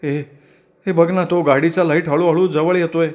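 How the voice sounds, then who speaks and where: A man's voice: a little high, steady tone, normal speed, darkish tone, voice pushed up, lightly acted. Man doing Rashmi, a frightened young woman. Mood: anxious. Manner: fretful, pleading. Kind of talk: dramatic storytelling.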